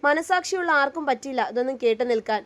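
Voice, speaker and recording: A woman's voice: sits high, lively intonation, fast talker. A woman reading a scolding middle-aged aunt. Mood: indignant.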